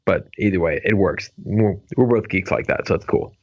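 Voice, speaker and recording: A man co-hosting a podcast in relaxed casual chat, full of fillers. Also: low voice, normal speed, muffled recording. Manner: laid-back, filler-heavy. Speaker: podcast co-host.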